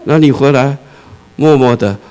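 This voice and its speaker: A male pastor preaching a sermon, reading scripture slowly, then joking and acting out scenes, with English words mixed into his speech. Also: medium pitch, low-quality recording. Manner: animated, shifts from slow scripture reading to lively jokes and shouting.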